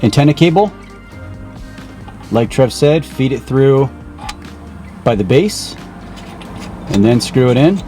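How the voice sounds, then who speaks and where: A man with a medium-pitched, warm, expressive voice walks through a hands-on how-to for his vlog, speaking slowly with long pauses. His informal, plain-spoken steps play over soft background music.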